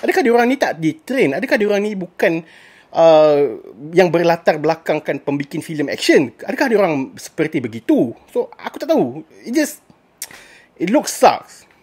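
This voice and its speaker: A woman's voice: on the low side, big pitch swings, normal speed, a little mellow, slightly rough. A woman with a Malaysian accent giving a casual spoken movie review, ranting in exasperation and mixing in English phrases.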